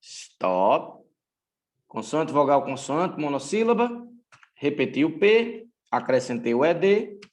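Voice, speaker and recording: A man from Brazil teaching English grammar in a recorded lesson, speaking deliberately and repeating key points. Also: on the high side, sing-song, darkish tone.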